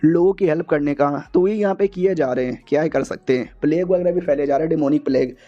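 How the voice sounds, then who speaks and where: A man voicing a brisk, blunt woman leader of a martial group in a familiar tone. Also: on the high side, mellow, lightly acted. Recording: muffled lo-fi audio.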